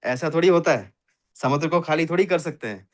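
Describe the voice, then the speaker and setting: Man doing a mighty bird god from a spoken fable, a male deity who scolds and dismisses the little birds. The voice sits high, as the storyteller puts him on. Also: brisk, close to an everyday voice. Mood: scolding.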